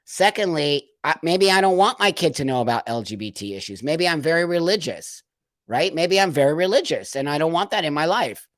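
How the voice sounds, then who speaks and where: A man's voice: fairly high pitch, animated, fairly quick, fairly bright tone, no echo, clean studio sound. A man hosting a casual live stream, reading out viewer comments and answering them in an emphatic, emotional way, often repeating phrases for stress.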